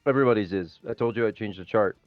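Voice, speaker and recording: Low-voiced man running a tabletop game. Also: very fast, dry recording, dull audio, faint music behind. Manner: loose, rambling rules explanations. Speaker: game master.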